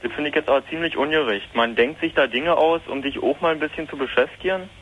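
A man calling in to a radio show, stubborn and pedantic in a deadpan way. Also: on the high side, fast talker, breathy edge. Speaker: caller. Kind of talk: phone-in chat. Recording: dull phone line.

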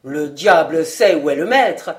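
A woman voicing a rough male outlaw who speaks in a gruff, surly tone. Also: on the low side, moderate pace, a little mellow, voice pushed down, natural voice.

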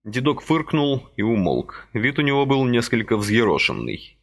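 A man reading a novel aloud in steady, expressive scripted narration. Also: medium pitch, moderate pace. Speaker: audiobook narrator.

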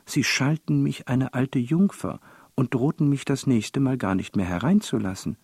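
A man's voice: medium pitch, darkish tone, breathy edge, no echo. A man reading as a plaintive fairy-tale daughter. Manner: pleading, raised and quicker than his reading voice. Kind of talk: literary reading.

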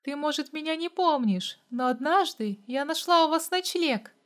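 A woman voices a haughty middle-aged mother in an audiobook, cool and commanding, measuring every word. the reading sits somewhat high and lifts firmly. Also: animated, normal speed, a bit bright. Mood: measured.

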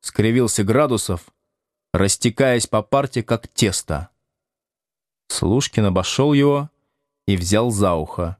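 Неторопливый мужчина-чтец аудиокниги. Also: male voice, lowish voice, animated, a little slow, pauses often, no room sound, studio quality. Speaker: audiobook narrator. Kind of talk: scripted narration.

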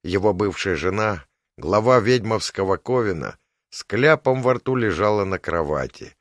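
A man reading an audiobook in scripted narration, measured and even. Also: fairly low pitch, dry recording, clean studio sound.

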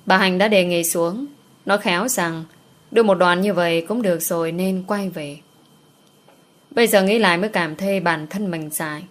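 Woman storyteller, scripted narration, steady even reading, mid pitch.

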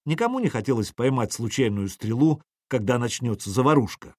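Man narrating an audiobook, lively pitch, expressive, dry close sound. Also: a little fast, no room sound. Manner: animated, expressive reading. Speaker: audiobook reader.

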